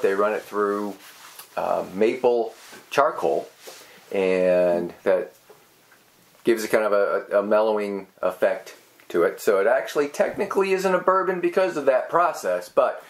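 A middle-aged man co-hosting a casual whiskey tasting chat, rambling and hesitant with many pauses and restarts. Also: fairly low pitch. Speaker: co-host.

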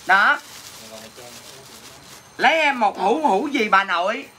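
A woman's voice: a little high, expressive, takes it slowly, sharp tone, a little hiss or hum. A woman with a Southern Vietnamese accent hosts a casual livestream sale, teasing viewers with brash, crude jokes as she answers comments. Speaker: livestream host selling goods. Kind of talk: casual livestream sales chat.

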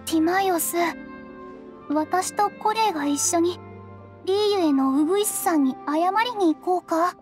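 A woman voicing a timid, kind young female alchemist in an anime game, gentle and apologetic. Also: very high voice, normal speed. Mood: concerned. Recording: music under the voice.

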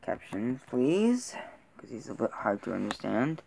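A man's voice: mid-range voice, sing-song, measured pace, gravelly, background noise. A young man vlogging in a laid-back, joking way at home. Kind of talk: casual chat.

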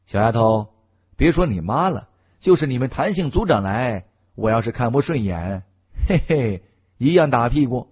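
A man's voice: mid-range voice, expressive, normal speed, slightly rough, muffled recording. Man doing a swaggering young cultivator. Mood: teasing. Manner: loud, mocking, swaggering. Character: brash young male cultivator, fearless and teasing.

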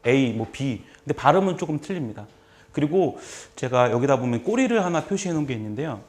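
A man's voice: mid-range voice, big pitch swings, a little fast. A man teaching a live class in a chatty, joking way, repeating phrases for the students to say back. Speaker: lecturer teaching basic Russian. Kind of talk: classroom lecture. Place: seminar room with a live audience.

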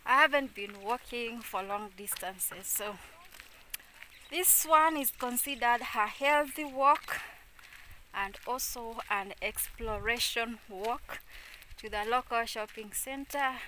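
A middle-aged Kenyan woman vlogs while walking along a rural road outdoors, addressing her viewers as "guys." Her voice sits on the high side, slow and sharp-toned. Recorded on a phone held at arm's length, the audio is low quality with a little hiss or hum.

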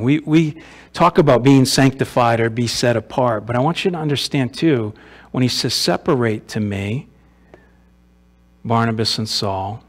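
Male pastor, sermon, conversational, rhetorical questions, mid-pitched voice, church sanctuary. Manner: conversational, asks rhetorical questions, repeats words.

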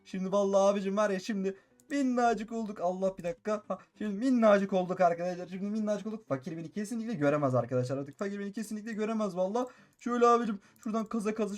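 A gaming YouTuber excitedly narrates his Minecraft role-play, repeating each phrase and calling out to his viewers. His voice is high, and he rattles along quickly.

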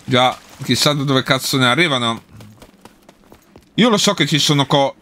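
A man's voice: mid-range voice, expressive, moderate pace, pushed and bright. A man giving casual let's play commentary, swearing and talking back at the enemies he fights. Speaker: gameplay streamer.

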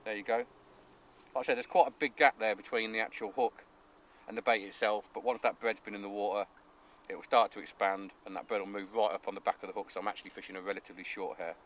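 A man's voice: on the low side, quick pace. Man explaining fishing tips by a lake. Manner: relaxed, practical, explains step by step. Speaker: angling coach. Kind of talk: instructional fishing talk. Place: outdoors at a lakeside fishery.

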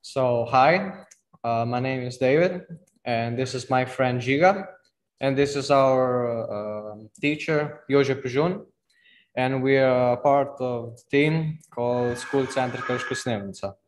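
A man's voice: medium pitch, takes it slowly. A teenage boy from Slovenia with a Slovenian accent, presenting his school on a video call, reading slides with small slips. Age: teens. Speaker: student presenter.

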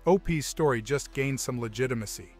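A man's voice: medium pitch, a little fast, darkish tone. A man narrating a scripted forum reply. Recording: music behind the voice.

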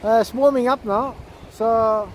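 Brief: 50s man, high voice, chatty fishing vlogger on camera outdoors, loud surf and wind noise. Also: measured pace. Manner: chatty, laughs often, repeats words. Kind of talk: casual outdoor vlog commentary. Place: open sandy beach by the surf. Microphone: handheld camera close to face.

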